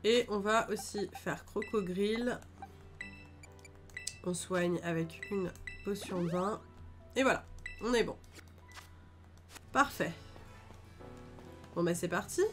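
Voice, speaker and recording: A woman's voice: mid-range voice, slow, pauses often. A woman hosting a let's-play video, chatting and thinking aloud in a casual, upbeat way with lots of fillers. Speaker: gaming video host. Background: game music.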